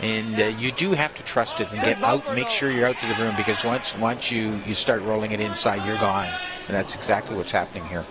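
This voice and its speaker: A man giving unscripted, conversational color commentary on curling, analyzing in a halting way. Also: on the low side, animated, a loud crowd.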